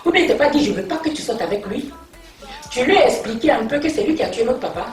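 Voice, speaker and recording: An actress playing a hotheaded big sister who scolds and mocks. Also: female voice, a little high, lively intonation, fast, darkish tone, soft background music, natural voice. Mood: scolding. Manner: quarrelsome, scolding, mocking. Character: hotheaded Bété big sister, proud and stubborn. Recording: roomy and distant, faint hiss.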